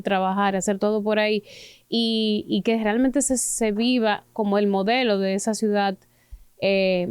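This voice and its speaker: A woman's voice: medium pitch, clean tone, no echo. A Dominican woman co-hosting a podcast in casual discussion. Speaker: podcast co-host.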